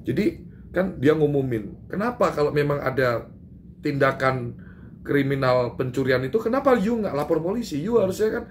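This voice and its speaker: A man from Indonesia giving an animated, emphatic statement to reporters, full of fillers and restarts. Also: on the high side, moderate pace, a little hiss or hum. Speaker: public figure giving a press statement. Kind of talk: doorstop interview with reporters.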